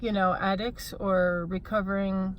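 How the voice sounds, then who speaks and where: A middle-aged woman chatting casually on a vlog in an unhurried, relaxed way. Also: medium pitch, muffled recording, a little hiss or hum. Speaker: vlog co-host. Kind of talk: casual chat.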